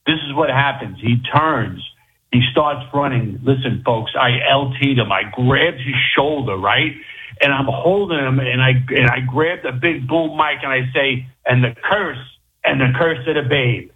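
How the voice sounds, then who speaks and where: A man from New York calling sports radio, telling an anecdote casually and addressing listeners like an animated raconteur. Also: mid-range voice, a little slow. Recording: narrow phone-line sound.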